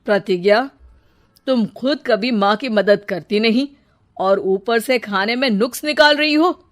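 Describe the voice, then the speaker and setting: A woman's voice: fairly high pitch, measured pace, natural voice. A blunt, irritable young husband voiced by a woman storyteller. He scolds and complains with force, in a raised storybook character voice. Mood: annoyed.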